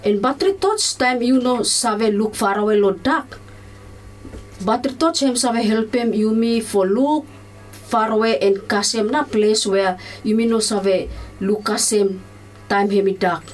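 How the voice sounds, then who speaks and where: A woman's voice: fairly high pitch, a little slow, soft background music. A woman teacher with a Solomon Islands accent gives a school lesson in Solomon Islands Pijin mixed with English, explaining plainly and repeating key terms. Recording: distant mic with faint background noise.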